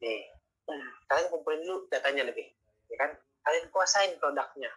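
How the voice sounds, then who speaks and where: A man's voice: a little high, expressive, normal speed, fairly bright tone, breathy edge. A man giving a casual online sales lecture over a video call, chatty and constantly adding tag questions. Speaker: sales trainer. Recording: tinny video-call audio.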